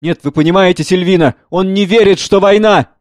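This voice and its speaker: A man reads the part of an excited young man who exclaims in an agitated, raised voice. The recording is close and dry. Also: high-pitched, a little fast, no echo, voice pushed up, lightly acted. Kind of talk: dramatic play reading.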